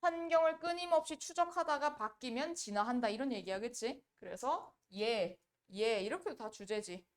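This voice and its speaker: A woman teaching an English grammar lesson, quizzing her students with quick rhetorical questions. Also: fairly high pitch, expressive. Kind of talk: exam-prep grammar lecture.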